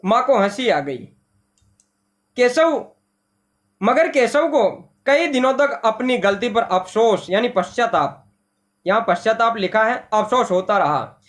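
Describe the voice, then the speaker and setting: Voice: mid-range voice, expressive, slow. A patient teacher walks students through a story line by line. The teacher rephrases hard words and repeats key points. Rhetorical questions keep the explanation moving. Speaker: Hindi teacher. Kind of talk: explaining a textbook story to a class.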